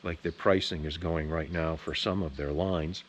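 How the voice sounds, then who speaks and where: Very deep-voiced man rambling casually. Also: fairly even intonation, normal speed, a little hiss or hum. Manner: rambling, opinionated, folksy. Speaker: pipe tobacco reviewer and vlogger. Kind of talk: casual rambling video chat.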